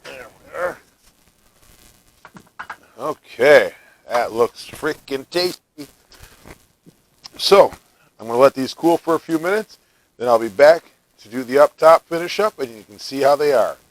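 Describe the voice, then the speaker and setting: A man from the United States casually chatting through a home cooking vlog, relaxed and talkative, often tasting food while he speaks. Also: medium pitch, unhurried, long pauses, low-quality recording. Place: home kitchen.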